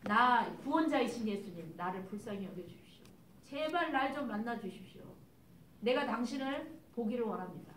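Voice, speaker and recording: A woman's voice: fairly high pitch, animated, normal speed, a bit bright, a little hiss or hum. A woman voicing a desperate blind male beggar who earnestly pleads for help, recorded in an echoey hall from a distance. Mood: pleading.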